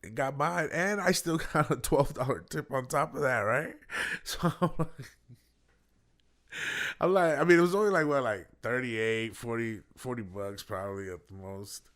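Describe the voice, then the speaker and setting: A man's voice: mid-range voice, fairly bright tone. Chatty laughing man telling a story. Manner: chatty, laughs often, tags lines with "right?". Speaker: food delivery driver. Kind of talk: casual storytelling vlog.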